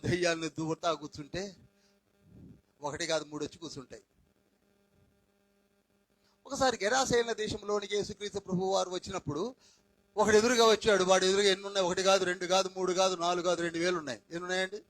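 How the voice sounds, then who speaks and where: A man preaching a Pentecostal sermon, firing questions at the congregation, swinging between shouts and quiet asides, dropping in English phrases. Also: sits high, fairly even intonation, fast, pauses often, dry recording, rough recording. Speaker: pastor.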